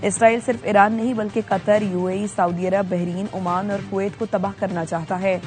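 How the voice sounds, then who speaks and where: Brief: female news anchor, brisk formal headline read, loud music bed behind. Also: medium pitch, steady tone.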